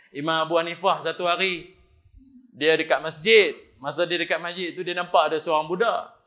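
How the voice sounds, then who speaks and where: A middle-aged man with a northern Malaysian Kedah accent, giving an animated, jokey mosque lecture and acting out the voices in his stories. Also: fairly high pitch, echoey room. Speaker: preacher. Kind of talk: lively mosque lecture with storytelling.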